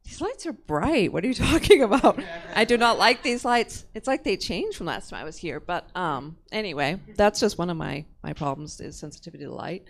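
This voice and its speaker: Lively female stand-up comic. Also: on the low side, gravelly. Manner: self-deprecating, halting, conversational. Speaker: stand-up comedian. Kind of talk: casual stand-up comedy. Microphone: stage microphone.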